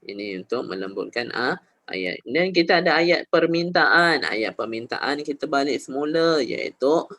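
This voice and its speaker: Male teacher, patient and encouraging, mid-pitched voice, dry close recording. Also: no echo. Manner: gentle, encouraging, repeats example sentences with changing intonation. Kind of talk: online grammar lesson.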